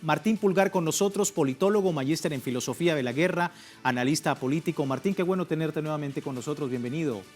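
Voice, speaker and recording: A man's voice: on the high side, quick pace. A man presenting a news and interview programme as its host. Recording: music playing behind the voice. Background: music.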